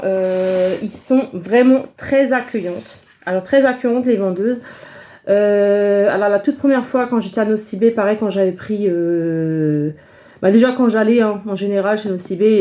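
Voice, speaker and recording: Young woman from Alsace, haul vlogger: chatty, rambling, friendly, warm mellow tone, mid pitch. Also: moderate pace. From Alsace, France. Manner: rambling, many fillers and repetitions; friendly, enthusiastic. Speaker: beauty vlogger. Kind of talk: casual haul vlog.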